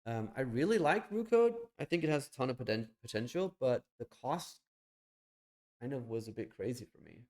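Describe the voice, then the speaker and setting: A man's voice: mid-range voice, expressive, moderate pace, a little mellow. A young man streaming live, chatting bluntly with some swearing while he thinks aloud and clicks through his screens. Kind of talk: casual live stream chat.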